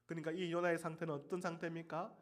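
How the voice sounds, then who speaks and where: A male pastor preaching a sermon, asking the congregation rhetorical questions and breaking into sudden loud outbursts. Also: a little high, level tone, fast.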